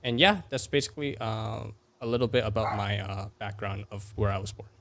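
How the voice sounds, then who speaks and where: A man in his twenties from California, a podcast guest chatting casually and softly, with many fillers and restarts. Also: lowish voice, fairly even intonation, a little fast. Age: 20s.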